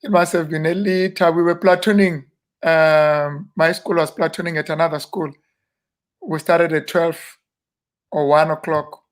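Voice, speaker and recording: A South African man in his fifties, a minister, telling stories about growing up in a relaxed, self-deprecating way during an interview. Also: a little high, measured pace. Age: 50s. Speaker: guest minister. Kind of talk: casual interview reminiscing.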